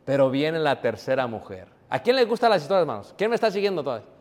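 A man preaching a sermon, joking with his congregation by name and reading scripture slowly and loudly. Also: a little high, big pitch swings. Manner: jokes with the congregation, calling on members by name. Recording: echoey hall.

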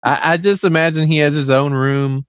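A man with a fairly high voice and a light Southern accent from Tennessee talks at a moderate pace as a guest on a podcast, relaxed and rambling with lots of fillers. He's on a remote call, yet the sound is clean and studio-like with no room sound.

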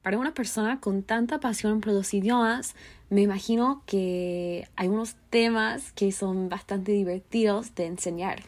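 A woman hosting an interview, delivering her narrated links and questions in smooth, prepared phrasing. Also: mid-range voice, a little slow, a little mellow. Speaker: interviewer and show host. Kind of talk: podcast interview with narrated segments.

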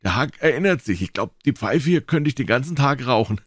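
A man voicing Joe, a cheeky, boastful young boy with a high, eager voice. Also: lively intonation, a little fast, husky, dry recording, clean studio sound. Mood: bragging.

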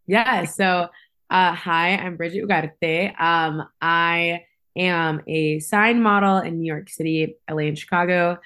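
A woman's voice: fairly low pitch, fairly even intonation, slow, fairly bright tone, clear, resonant tone. A young adult woman chatting casually as an interview guest, informally peppering her talk with filler words. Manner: informal, frequent "like" and "you know". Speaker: podcast guest, model and public speaker.

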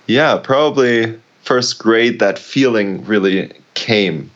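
A man in his thirties with a fairly low voice, thinking out loud in an easygoing conversation. He softens his points with "like" and "you know". The recording sounds a little dull and lo-fi. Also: takes it slowly. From United States. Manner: reflective, hedging with "like" and "you know". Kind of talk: casual conversation. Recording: slightly dull, lo-fi audio.

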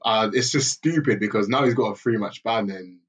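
A young man talks football in loose, slangy banter. His voice is husky and sits a little back from the microphone. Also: lowish voice, brisk, recorded from a distance. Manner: laid-back slangy banter, laughs often. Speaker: podcast co-host. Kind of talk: casual football chat.

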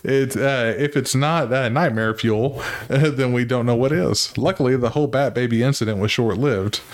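A man's voice: medium pitch, normal speed. A man co-hosting a podcast in a casual chat, reading from an article and laughing often. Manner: reads from an article, laughs often, uses fillers. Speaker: podcast co-host.

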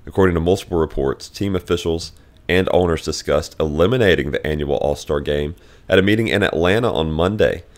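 A man hosting a casual sports podcast, reading news items and chatting with dry teasing, recorded as a low quality stream away from his usual studio. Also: fairly quick. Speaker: podcast host. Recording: low quality stream, improvised holiday setup.

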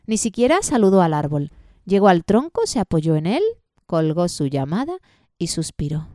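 A woman storyteller telling a children's tale in a playful, expressive, unhurried way. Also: fairly low pitch, dry recording, clean studio sound. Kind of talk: storytelling performance with songs.

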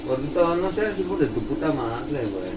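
A man's voice: a little high, sing-song, moderate pace. A man with a Mexican accent in casual joking banter, teasing his friend with crude slang. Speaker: streamer. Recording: distant mic with clear background noise.

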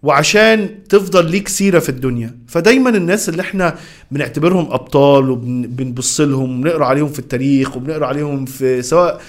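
A man's voice: a little high, fast talker. A young man with an Egyptian accent, giving an earnest, direct motivational talk to the listener. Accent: Egyptian Arabic. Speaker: motivational speaker. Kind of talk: motivational monologue.

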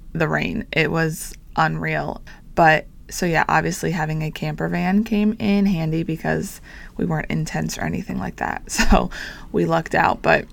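A woman in her twenties hosts her own podcast from home in a casual, wandering monologue. Her voice is gravelly, hoarse and sore, sitting fairly low. She keeps a flat, low-key delivery with little enthusiasm, dotted with fillers. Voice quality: raspy, deep and sore today. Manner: rambling and chatty, with frequent fillers and small laughs. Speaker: podcast host and small business owner. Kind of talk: casual solo podcast chat. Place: home on a busy downtown street.

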